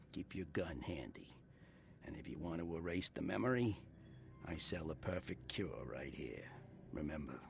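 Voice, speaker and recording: An actor playing a hard-bitten, cynical bar keeper in a video game, gruff and guarded with a sardonic edge. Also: male voice, a bass voice, background noise, heavily acted. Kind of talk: video game character acting.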